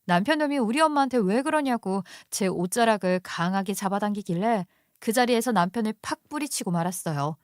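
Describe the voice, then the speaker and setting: A woman's voice: medium pitch, expressive, a little fast, few pauses, no echo, clean studio sound. A woman in her thirties narrating a personal story in first person, confiding and speaking directly to the listener. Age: 30s.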